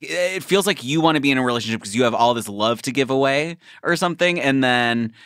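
A man's voice: mid-range voice, lively intonation, quick pace, a bit bright, clear, resonant tone, dry recording. A man with a mid-range voice co-hosts a podcast. He chats casually and affirms what he hears with easy agreement. The recording is dry and close. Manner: affirming, easygoing. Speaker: podcast co-host. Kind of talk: casual chat.

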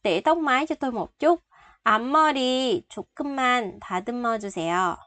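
A woman's voice: fairly high pitch, bright, forceful tone, dry recording. A Vietnamese-speaking woman teaching Korean phrases, explaining each word patiently and repeating the sentences. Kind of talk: bilingual vocabulary lesson.

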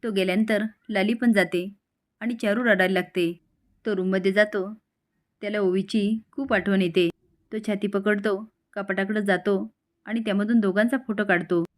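A woman's voice: mid-range voice, fairly even intonation, normal speed. A woman retelling a TV serial episode as a storyteller, voicing the characters' lines in between. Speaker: serial recap narrator.

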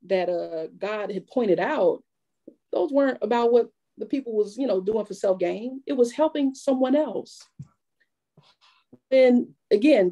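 A woman preaching a sermon at a church women's fellowship, lively and conversational, drawing call-and-response from the congregation. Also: medium pitch, rough recording.

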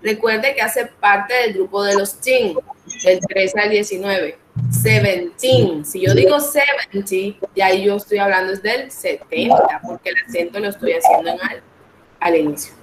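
A woman's voice: medium pitch, moderate pace, background noise. A woman teaching English numbers in an online class, explaining each step patiently and inviting her students to answer aloud over the call.

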